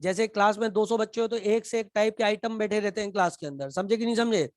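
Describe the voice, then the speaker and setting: A man teaching a live class, shouting and teasing as he quizzes his students in a colloquial way. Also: high-pitched, fast, dry recording, studio quality.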